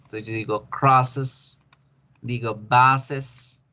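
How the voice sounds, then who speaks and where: A man teaching an English grammar lesson, explaining slowly and repeating each example. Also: medium pitch, steady tone, pushed and bright. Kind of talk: recorded online grammar lesson.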